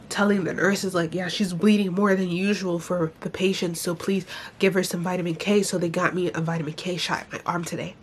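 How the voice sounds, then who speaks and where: Congested, husky young woman vlogging. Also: on the low side. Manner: candid, complaining, informal with mild swearing. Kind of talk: casual personal vlog to camera.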